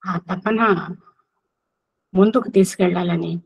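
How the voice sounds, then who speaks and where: A humble Telugu student speaks respectfully to his teacher. His somewhat high voice has a husky edge, and the audio sounds dull and muffled. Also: steady tone, a little slow. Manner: respectful, addresses the teacher formally. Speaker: student asking the guru. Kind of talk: humble questioning.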